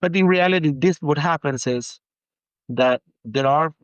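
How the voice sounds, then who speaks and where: A man from Argentina, a perfumer, talking as a guest in a casual interview, halting with many restarts and growing animated when excited. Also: fairly high pitch, clean tone, no room sound, low-quality recording.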